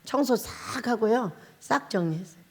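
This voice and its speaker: A middle-aged woman pastor preaching a sermon, telling lively stories, acting out quoted lines loudly and laughing along the way. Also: on the high side, normal speed. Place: church sanctuary. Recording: long reverb of a large church hall.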